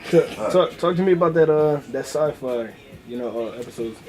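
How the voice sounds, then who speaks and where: A young man hosting, asking quick, slangy questions in a casual chat. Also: a little high, lively intonation. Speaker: host. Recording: music playing behind.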